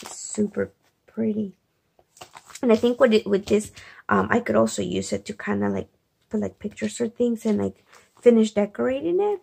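A woman quietly gushing as she unboxes craft supplies in a late-night video, keeping her voice hushed with bursts of excitement. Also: mid-range voice, gravelly, a little hiss or hum. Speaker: craft vlogger. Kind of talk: soft-spoken unboxing chat. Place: home at night.

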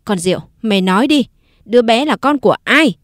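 Bossy old mother-in-law, woman narrator putting her on, short sharp orders, dry close mic. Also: a little high, animated, a little fast, no room sound, close to an everyday voice. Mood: commanding. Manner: curt and commanding.

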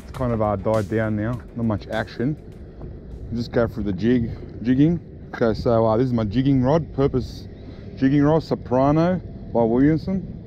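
Recorded by an action camera strapped to him on a small boat in a harbour, a middle-aged fishing vlogger talks casually about his gear. His mid-range voice is peppered with "okay" and "all right." The dull outdoor audio carries wind and water noise.

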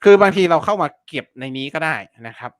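A man's voice: a little high, animated, fast, clean tone, no room sound. A man teaching online selling in a casual live-stream lesson, chatty and repetitive, full of fillers and polite particles. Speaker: online seller teaching keyword research.

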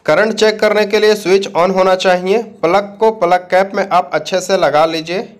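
A man's voice: high voice, steady tone, normal speed. A man from India explaining a machine repair step by step, talking straight to viewers in a plain instructive way. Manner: plain instructive talk, addresses viewers directly. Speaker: repair channel host.

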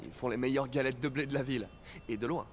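A man's voice: medium pitch, steady tone, quick pace, a little hiss or hum, natural voice. A young man acting a friendly, awkward, wisecracking superhero in a French video game dub, earnest and natural. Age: young adult. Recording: game music behind.

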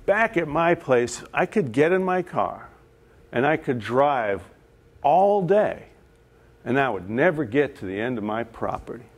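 A man's voice: mid-range voice, big pitch swings, a little slow. A man voicing a boastful Texas rancher, raising his voice well above his own and stretching out the brag.

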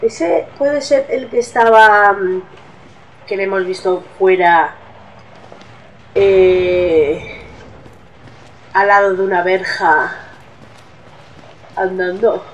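A woman's voice: mid-range voice, drawn-out words, long pauses, distant mic, a little hiss or hum, rough recording. A woman with a Spain accent giving casual horror game commentary, swearing often and easily startled. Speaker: gameplay streamer.

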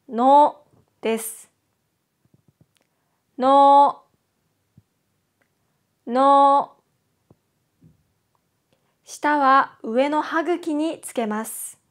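Slow, high-voiced woman teaching. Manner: slow, carefully enunciated drilling of syllables. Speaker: Japanese language teacher. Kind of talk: scripted beginner lesson.

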